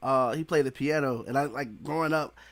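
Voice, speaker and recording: A man's voice: medium pitch, brisk, fairly bright tone. A man in his thirties hosting a podcast interview on a headset mic, asking loose, rambling questions full of slang. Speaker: podcast host. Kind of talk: casual interview. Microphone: headset with studio mic.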